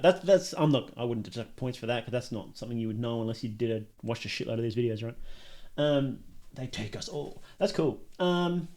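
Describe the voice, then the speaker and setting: Speaking at medium pitch with a slightly mellow voice, a man reacts to and judges short films on a livestream. His commentary to chat is casual and thought-out-loud, with a bit of mild swearing.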